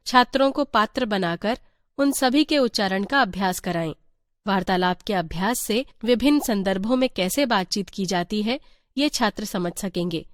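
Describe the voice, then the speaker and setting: A woman reading a teacher's guide aloud in an even, measured voice. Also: on the high side, no echo, clean studio sound. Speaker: textbook reader.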